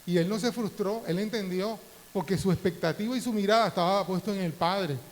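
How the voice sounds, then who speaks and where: High-voiced preacher man in a reverberant church. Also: fairly quick. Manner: preaching with emotional swings, voice rising in prayer. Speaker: pastor. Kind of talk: sermon. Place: church hall. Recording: faint hiss, long church reverb.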